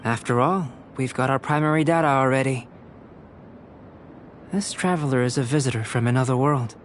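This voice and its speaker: A man voicing a calm, detached young alchemist in an anime-style video game, speaking in a measured, precise, professorial way. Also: mid-range voice, a little hiss or hum, lightly acted. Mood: composed, musing.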